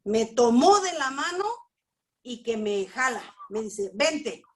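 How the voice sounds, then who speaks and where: A middle-aged woman gives a personal testimony at a church family class, telling her story with lively expression and acting out what people said. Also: on the high side, takes it slowly. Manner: animated storytelling, acts out dialogue. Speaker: speaker at a church family school.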